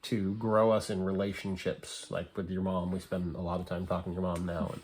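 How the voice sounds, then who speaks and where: A man's voice: low-pitched, level tone, a little fast, a little mellow, a little hiss or hum. A man co-hosting a family channel, speaking thoughtfully and reflectively in casual conversation at home. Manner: thoughtful, affirming with frequent "mm-hmm". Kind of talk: casual chat.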